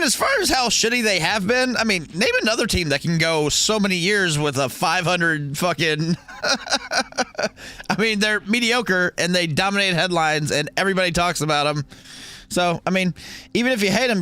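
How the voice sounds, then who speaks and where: A man's voice: high voice, animated, moderate pace, sharp tone, no room sound. A man in his thirties hosting a casual sports watch-along livestream, bantering and swearing as he answers viewer comments. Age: 30s. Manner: profane, joking banter with chat. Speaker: livestream host.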